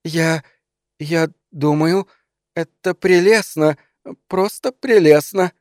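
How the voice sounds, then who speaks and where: A shrill, anxious middle-aged wife, as a male reader puts her on, her voice climbing high and tight as she strains to stay polite. The recording is close and dry. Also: normal speed, a little mellow, no room sound, natural voice. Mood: forced politeness.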